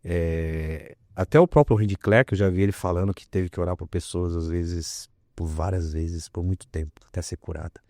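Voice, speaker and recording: Man, pastor, animated storytelling, somewhat low voice, dry close mic. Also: normal speed, few pauses, dry recording. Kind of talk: testimony in a conversation.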